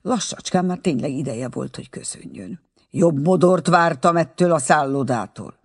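A man voicing a dignified older gentleman who is taken for a poor guest and speaks firmly and indignantly. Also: fairly high pitch, expressive, husky. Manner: firm, indignant.

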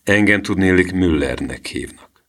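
A man voicing a smug adult male thief in an audiobook reading, slow, offhand and falsely polite. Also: sits low, animated, a bit bright.

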